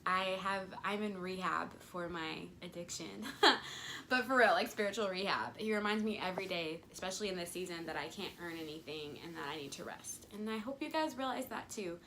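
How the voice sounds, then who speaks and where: In an earnest, chatty devotional video, a young faith vlogger tells the camera about her faith, acting out small quoted voices. She speaks briskly in a lowish, pushed, bright voice, with slight background noise behind her.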